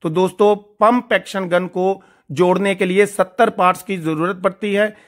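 A man's voice: high voice, steady tone, normal speed, a bit bright. A man narrating a casual vlog while touring a large factory floor, talking eagerly to his viewers. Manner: enthusiastic, addresses viewers as friends. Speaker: gun shop vlogger touring a factory.

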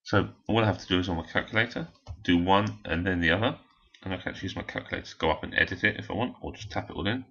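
Male maths teacher, hoarse and husky, low voice, explains step by step; dull lo-fi recording. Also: very fast, few pauses, pushed and bright. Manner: step-by-step explaining, talking while working a calculator. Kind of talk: recorded maths lesson walkthrough.

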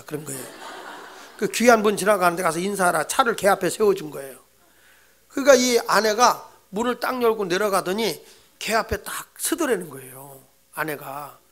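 A male pastor giving a sermon in a lively, conversational way, telling humorous stories to his congregation. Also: high-pitched. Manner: animated storytelling with humorous anecdotes; direct, conversational address to the congregation.

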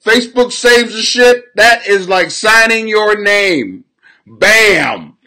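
A man in his forties ranting loudly on a live stream from a small room at home, recorded by a webcam at his desk, crude, laughing, swinging from shouting to mumbling. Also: high-pitched, lively intonation, slow pace. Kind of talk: rambling live-stream comedy rant.

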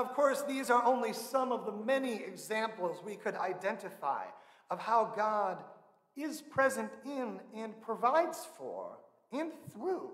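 A pastor in his thirties delivers a sermon at the pulpit, his voice sitting noticeably high for a man. He speaks in a measured, earnest way, slowing down to stress key words. The sound rings through a large sanctuary with a long, roomy reverb. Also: fairly bright tone. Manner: measured, earnest preaching with slow emphatic stresses. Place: large church sanctuary, indoors. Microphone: pulpit microphone. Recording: echoey church with long reverb.

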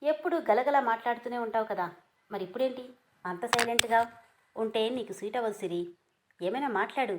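A woman reading a cheeky young man who won't back off, high playful voice, storybook. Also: fairly quick, pauses often, background noise, lightly acted. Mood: coaxing. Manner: playful, pushy banter. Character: young man, teasing persistent lover.

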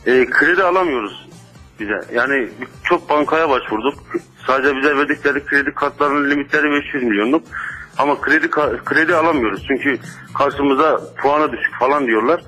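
Male caller, 20s, respectful, bright tone, on a phone line with faint music. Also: a little high. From Erzurum region, Turkey. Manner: polite, respectful. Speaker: caller, small business owner. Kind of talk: asking for advice by phone. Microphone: telephone.

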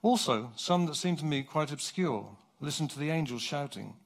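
Man lecturing on a dark stage. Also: fairly high pitch. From England. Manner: animated, clear and measured. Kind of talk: public lecture, reading from a script.

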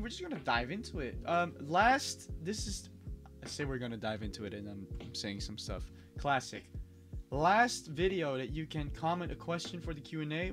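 A young man hosts a casual reaction chat, cracking jokes and tripping over his own sentences. His voice sits a little high, and faint music plays underneath. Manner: joking, rambling, self-interrupting. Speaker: host.

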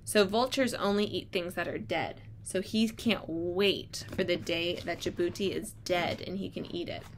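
A woman's voice: lowish voice, steady tone, normal speed. A young adult woman, a teacher, explaining and reading a picture book aloud to children in a small room. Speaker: elementary school teacher. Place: small indoor room with block walls. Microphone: device microphone at arm's length. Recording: clear room noise, device microphone.

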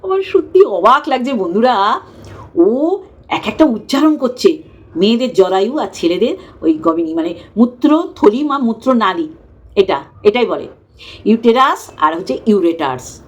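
A woman's voice: fairly high pitch, big pitch swings, unhurried, slightly rough. A woman giving a scornful, mocking commentary rant in a casual tone. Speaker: YouTube commentator.

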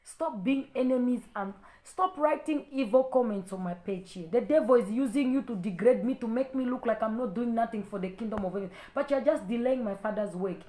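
A woman's voice: fairly high pitch, brisk, few pauses, mellow, roomy sound. A young adult woman preacher on a livestream, fiercely rebuking commenters in heated, repetitive bursts. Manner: fiery, scolding, rebuking; repeats and stumbles in heated bursts. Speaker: preacher and ministry leader.

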